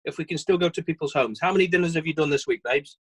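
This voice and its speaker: Chatty male sales trainer on a video call, bright high voice, self-deprecating. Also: fast talker, husky, poor audio. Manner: chatty, self-deprecating, repeats and restarts phrases. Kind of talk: virtual training session.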